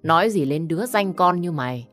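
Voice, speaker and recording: A woman's voice: lowish voice, animated, fairly quick, faint music behind, lightly acted. A woman voicing a spiteful young woman who taunts and insults in an audio story. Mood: taunting. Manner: taunting, insulting, picking a fight.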